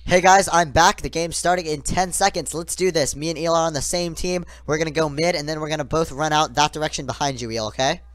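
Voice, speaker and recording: Hoarse man calling a game. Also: fairly high pitch, steady tone, quick pace, few pauses, fairly bright tone, no echo. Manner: chatty, yelps when chased. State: hoarse from being sick. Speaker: gaming channel host. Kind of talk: gaming commentary with a friend.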